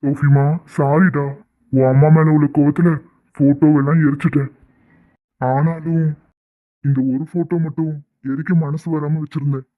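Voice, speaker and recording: A man voicing a remorseful older father in a cartoon, speaking slowly and apologetically. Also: fairly high pitch, little pitch movement, no echo, close to an everyday voice. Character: remorseful older father, stern but softened. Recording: dry, tinny phone-like audio.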